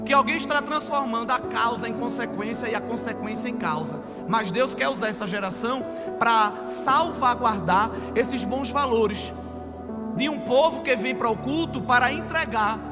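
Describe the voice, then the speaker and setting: A man preaching a sermon as pastor, emphatic, rising to loud declarations. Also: extremely high pitch, moderate pace. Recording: long hall reverb with music.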